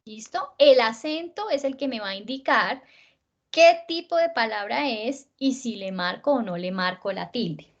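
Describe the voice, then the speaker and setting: A woman's voice: fairly high pitch, expressive, dull audio. Woman teacher drawing out stressed words. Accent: Colombian Spanish. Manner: stresses words slowly, checks in often. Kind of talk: online spelling lesson.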